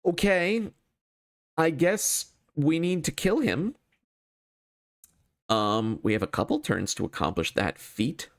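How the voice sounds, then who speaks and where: A man's voice: fairly high pitch, lively intonation, takes it slowly, long pauses. A man thinking aloud as he hosts a solo card game playthrough, casual and wryly self-deprecating.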